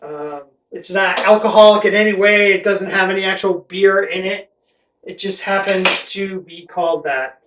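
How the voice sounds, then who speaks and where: High-voiced American man, echoey distant recording. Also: moderate pace, fairly bright tone, a little hiss or hum. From Connecticut, United States. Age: middle-aged. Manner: rambling, conversational. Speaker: vlog host. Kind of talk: casual explainer chat to camera. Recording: roomy echo, distant mic.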